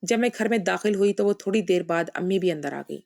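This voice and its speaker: Woman storyteller, scripted narration, low voice, gravelly, measured reading. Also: a little mellow.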